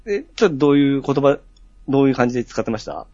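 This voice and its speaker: A man's voice: medium pitch, rapid-fire, no room sound. Chill guy chiming in on a podcast, voice goes up and down a lot, muffled dry sound. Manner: relaxed, frequent short backchannels. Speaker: podcast co-host. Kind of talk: casual chat.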